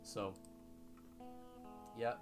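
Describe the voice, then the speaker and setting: A man talking through a casual coding tutorial, halting with many fillers and self-corrections. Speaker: modding tutorial host. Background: background music.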